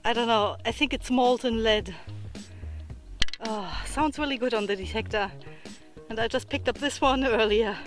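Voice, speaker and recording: A woman's voice: a little high, normal speed, pauses often, soft background music. A woman chats casually and muses aloud as she hosts a metal-detecting vlog. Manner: chatty, musing aloud with tag questions. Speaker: metal-detecting treasure hunter and vlog host. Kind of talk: casual vlog commentary while digging.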